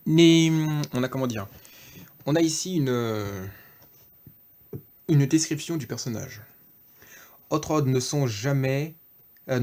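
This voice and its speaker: A man's voice: mid-range voice, darkish tone. Hesitant man reviewing a toy. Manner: hesitant, many fillers and self-corrections. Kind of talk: casual off-camera toy review.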